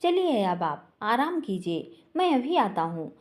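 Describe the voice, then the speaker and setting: A woman voicing a young man, a devoted son who is quick to anger but pleads earnestly with his mother. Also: fairly high pitch, very animated.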